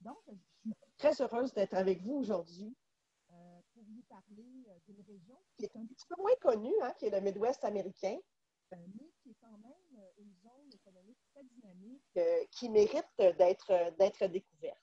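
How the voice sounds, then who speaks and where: A woman's voice: medium pitch, animated, normal speed, dark tone, breathy edge, no room sound, lo-fi sound. A woman presenting as a trade delegate over a video call whose audio keeps cutting out and dropping away. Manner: hesitant, many fillers. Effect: choppy, dropping-out video call audio. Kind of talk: presentation in an online meeting. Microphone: computer mic on a video call.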